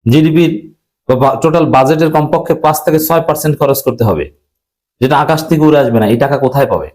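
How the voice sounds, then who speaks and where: Fast-talking man arguing a political point. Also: a little high, a little mellow, low-quality recording. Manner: brisk, argumentative, mixes in English words.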